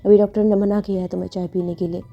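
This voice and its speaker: A woman's voice: mid-range voice, level tone, racing, creaky. A woman storyteller voicing a bossy, protective wife who gives firm, clipped orders. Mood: insistent. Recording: dull lo-fi with faint music.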